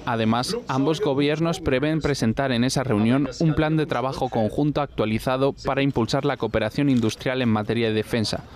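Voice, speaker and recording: A man delivering a formal news report with a steady, even delivery. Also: mid-range voice, a little fast. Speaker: news correspondent.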